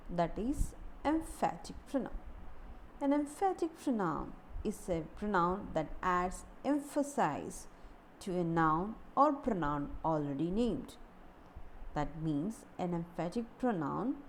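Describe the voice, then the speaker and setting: A woman teaching a grammar lesson, explaining slowly and repeating key words. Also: medium pitch, a little mellow, slight background noise, rough recording. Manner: deliberate, repeats key words, occasional restarts.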